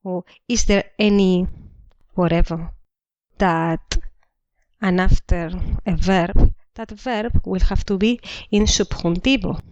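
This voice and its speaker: A woman teaching a language lesson, explaining slowly and repeating each example sentence twice. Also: on the low side, darkish tone, no room sound. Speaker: Spanish teacher. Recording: dull dry lo-fi recording.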